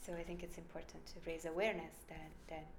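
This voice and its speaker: Speaking fast in a low, gravelly voice with a flat delivery, this Italian brain researcher describes her work during an emphatic, conversational interview in her Italian accent. The room echoes, and there's slight background noise.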